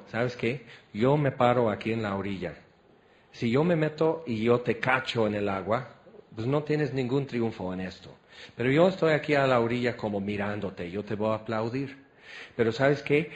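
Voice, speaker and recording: A middle-aged man with a Mexican accent preaching a sermon, telling stories and dropping into soft, confiding tones. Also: medium pitch. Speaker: pastor.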